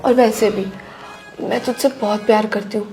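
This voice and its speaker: A woman's voice: mid-range voice, fairly even intonation, normal speed, mellow, faint music behind, natural voice. A woman playing a scheming young married woman in a scripted drama, with an insistent, scolding way of talking. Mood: brazen. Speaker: daughter-in-law character. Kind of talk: scripted Hindi short-drama acting.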